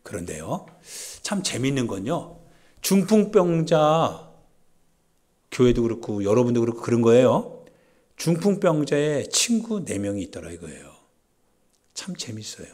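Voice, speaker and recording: A man pastor giving a Sunday sermon in a church service, talking conversationally and swinging from loud pleading to hushed asides. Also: medium pitch, big pitch swings, a little slow, pauses often.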